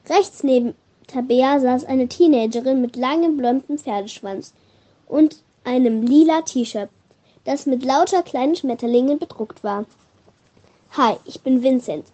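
A woman narrating a storybook reading in a calm, even storytelling manner. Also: high-pitched.

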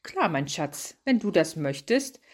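A woman's voice: low voice, sing-song, unhurried, heavily acted. A woman playing a cheerful young mother. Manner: warm, playful.

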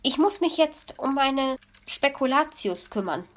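Woman doing a gentle hedgehog mother. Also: high-pitched, animated, unhurried, pitched above the performer's own voice. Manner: soft, gentle, sniffs "nuff nuff". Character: kind, calm hedgehog mother. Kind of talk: storybook reading.

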